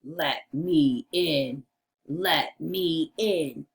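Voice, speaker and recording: A woman doing a gruff big bad wolf. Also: full character voice. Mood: growling. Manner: slow, low, drawn-out demands.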